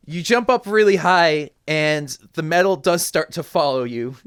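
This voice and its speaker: A man's voice: on the high side, animated, takes it slowly, fairly bright tone, smooth. A young man running a tabletop game as game master, laughing often and swearing casually.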